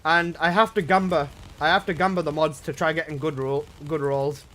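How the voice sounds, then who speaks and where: A man's voice: on the high side, steady tone, moderate pace, a bit bright, a little hiss or hum. A young man chatting casually on a gaming livestream, answering his chat in laid-back slang from his room at home. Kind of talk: casual live-stream chat.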